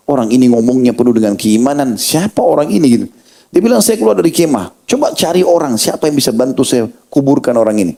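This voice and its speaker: A man preaching a sermon in Indonesian, telling a story and acting out the people in it with rising, animated delivery. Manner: animated, voices quoted characters with rising pitch.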